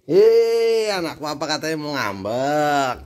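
A man's voice: a little high, big pitch swings, takes it slowly, darkish tone. A man, a father playfully teasing his daughter in a casual family vlog, laughing often.

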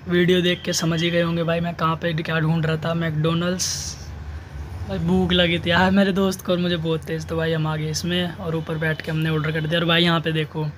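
Young man for a casual vlog voice-over, flat and a bit high, faint hiss. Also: a little fast. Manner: chatty, addresses viewers as brothers. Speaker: vlogger. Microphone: home voice-over mic.

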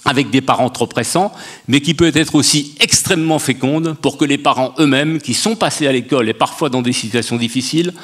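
A man's voice: medium pitch, a little fast, fairly bright tone. An older man speaking as a guest on a public panel debate, making an impassioned case in long sweeping sentences into a handheld mic on a stage. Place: stage of a large dark auditorium.

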